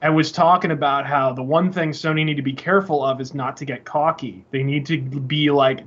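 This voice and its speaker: This podcast co-host talks casually about the game industry, rambling, cursing, and often starting his sentences over while searching for the right words. He has a fairly high, slightly rough voice, and the recording sounds muffled.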